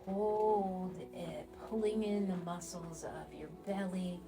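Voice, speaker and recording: This meditation guide is a woman speaking in a low, steady tone with gravelly fry at its edges. She moves very slowly and soothingly, lengthening each phrase and pausing at length between them. The music under her voice is loud.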